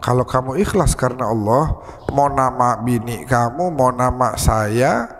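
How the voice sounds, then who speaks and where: A man giving a dawn sermon in a mosque, chatty and plain, slowing down to chant Arabic verses. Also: fairly high pitch, a little hiss or hum. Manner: conversational preaching, slow chanted Arabic quotes. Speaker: preacher. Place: mosque hall. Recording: long mosque hall reverb.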